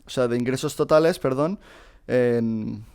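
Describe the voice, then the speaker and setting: Man explaining exam step by step, smooth voice. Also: mid-range voice, a little slow, darkish tone. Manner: informal, addresses students directly, frequent fillers and restarts. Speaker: teacher solving a past exam. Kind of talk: casual screen-recorded lesson.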